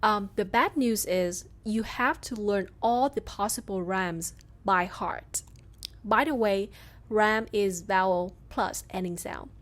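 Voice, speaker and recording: A woman with a Southern Vietnamese accent teaching pronunciation in a scripted lesson, reading sounds out slowly one by one. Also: medium pitch. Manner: slow, careful, reads sounds out one by one. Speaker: language teacher.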